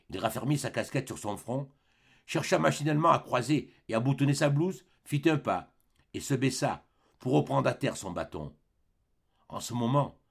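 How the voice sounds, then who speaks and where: A man reading a classic novel aloud as an audiobook narrator, with an expressive, dramatic delivery. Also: fairly low pitch, gravelly, breathy edge. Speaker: audiobook reader. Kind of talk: scripted narration.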